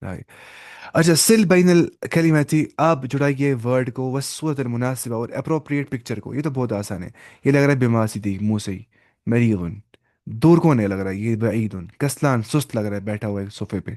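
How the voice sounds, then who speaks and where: A patient male Arabic teacher gives an online class in a mid-range, darkish voice, recorded dry with no room sound. He explains slowly, moving between Urdu, Arabic and English and often repeating words.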